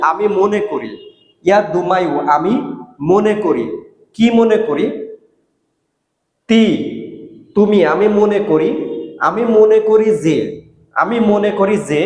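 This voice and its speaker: A man teaching a language lesson, repeating each word and phrase slowly and asking and answering his own questions. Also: high-pitched, darkish tone. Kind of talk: explaining Russian grammar in Bengali. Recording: echoey room with long reverb.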